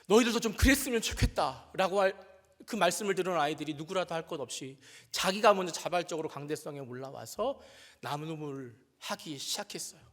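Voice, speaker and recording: A high-pitched man preaching a sermon, his voice ringing out with a long church-hall reverb. He tells stories with animation, acts out the voices he quotes, and pokes fun at himself along the way. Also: animated, fairly quick. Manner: self-deprecating humor. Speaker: pastor. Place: church sanctuary.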